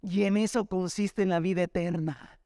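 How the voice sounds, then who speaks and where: A man's voice: high voice, steady tone, moderate pace, mellow, no room sound. A man with a Mexican accent, a pastor preaching a sermon through a personal testimony, talking in a conversational storytelling way and often addressing listeners as brother. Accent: Mexican Spanish.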